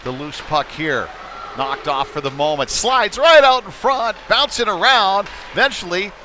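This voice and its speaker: Calling hockey play-by-play for a local stream, this man has a high-pitched, animated voice yet keeps a measured pace, following the action in short, clipped bursts. The noisy live feed comes from an indoor rink during a game, with loud arena noise all around.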